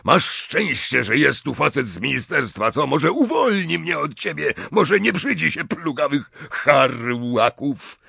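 A man voicing a coarse, furious old father who shouts and sneers. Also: medium pitch, expressive, a little slow, gravelly, few pauses, husky, dry recording, pitched above the performer's own voice, full character voice. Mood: enraged. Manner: shouting, snarling, mocking.

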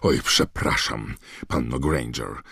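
A man voicing a strict older female professor with a sharp, commanding manner. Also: extremely low pitch, slow pace, creaky, slightly rough, dry recording, clean studio sound, heavily acted. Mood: apologetic.

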